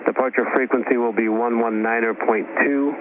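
A man working as an air traffic controller, reading clearances in a flat routine way over aviation radio. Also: mid-range voice, brisk, narrow, tinny audio. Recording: radio transmission with loud static.

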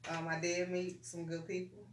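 A woman's voice: fairly low pitch, completely flat delivery, moderate pace, a little hiss or hum. Easygoing woman in her forties, echoey room. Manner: easygoing, many "you know"s. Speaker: guest, soap maker. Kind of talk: casual interview. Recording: echoey room, mic at a distance.

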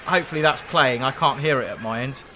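A man's voice: mid-range voice, fast, sharp tone, some chatter behind, slight background noise. A man hosting a live-streamed game session, chatting to viewers in a jokey, rambling way. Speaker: live-stream host and train driver. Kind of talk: live-streamed gameplay commentary.

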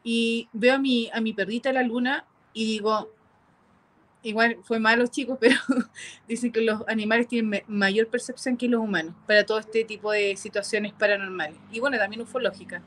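A woman telling a frightening personal experience, halting and repeating herself with nervous laughs. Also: fairly high pitch, fairly even intonation. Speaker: caller telling a paranormal experience. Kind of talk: emotional first-person storytelling.

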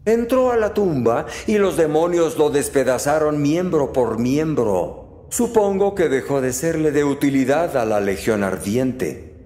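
A man voicing a wry, confident male archmage in a fantasy audiobook, speaking in a measured, mildly taunting way. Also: fairly high pitch, animated, mellow, in a large hall.

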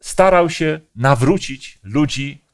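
A man's voice: fairly high pitch, lively intonation, slow. A man leading a Bible study discussion, explaining passages and asking the group questions.

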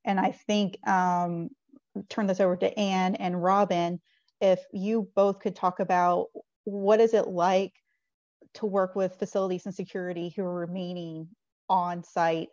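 Flat-voiced woman moderating a video call. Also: fairly low pitch, measured pace, no echo. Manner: brief, even questions. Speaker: panel moderator. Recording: dull dry video call audio.

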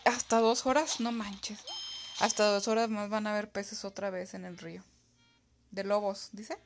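A young woman, chatting excitedly while playing a game on a live stream. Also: medium pitch, background noise. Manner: chatty, excitable, quick laughs. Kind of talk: casual live-stream chat.

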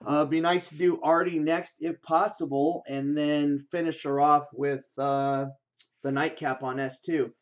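A man's voice: fairly high pitch, level tone, unhurried, muffled recording. A man hosting a livestream card break, casually reading out card names in lists and talking to his viewers.

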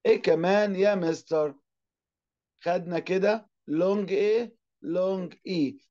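A man with an Egyptian Arabic accent teaching an online class. He asks and answers his own questions and draws out English words slowly. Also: sits high, dark tone, highs cut off.

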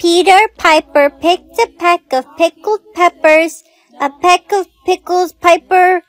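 A woman voicing a timid little girl in a comedy skit, speaking slowly and carefully. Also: very high voice, dry recording, soft background music. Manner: slow, careful, scared little voice.

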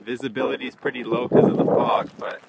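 Loud wind and rain batter this noisy handheld phone recording of a young man narrating his hike on a wet mountain trail. He talks casually and quickly into the phone at arm's length, medium-pitched and level, with some vocal fry.

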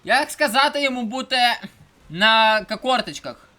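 A young man giving casual let's-play commentary, swinging between mumbled asides and shouted outbursts. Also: extremely high pitch, lively intonation, moderate pace. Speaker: gameplay streamer.

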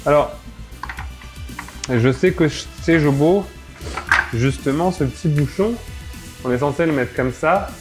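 A young film photography YouTuber with a head cold casually explains how he develops film at home, using many fillers and restarts. His voice is a little high and unhurried with frequent pauses over background music. He's recorded on a camera mic in a home darkroom corner, then close on a studio mic in a dim studio room.

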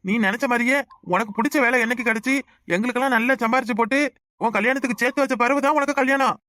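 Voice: mid-range voice, steady tone, rapid-fire, bright, forceful tone, no room sound, clean studio sound, lightly acted. A performer voicing a bossy but caring middle-aged village uncle in a cartoon, with a Kanyakumari Tamil accent. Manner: bossy but affectionate, scolding. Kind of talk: cartoon voice acting.

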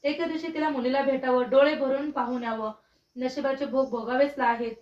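A woman's voice: sits high, fairly even intonation, brisk, a little mellow. A woman steadily reciting a devotional story in a rhythmic way, in a roomy, distant recording. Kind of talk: reading a devotional vrat story. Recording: roomy, distant, dull sound.

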